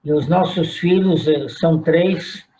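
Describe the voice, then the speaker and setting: A man in his eighties from São Paulo, with a Paulistano accent, recalling his family history slowly and deliberately in an interview. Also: a little high, mellow, slight background noise, rough recording. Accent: Paulistano Brazilian Portuguese. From São Paulo, Brazil. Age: 80s. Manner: slow, deliberate recollection. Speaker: retired pastor.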